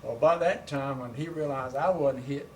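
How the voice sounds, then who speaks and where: Elderly veteran remembering, distant noisy recording. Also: male voice, medium pitch, moderate pace, a little mellow. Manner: old veteran remembering, plain-spoken. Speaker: war veteran, interviewee. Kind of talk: recollecting wartime service in conversation. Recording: noisy room, distant microphone.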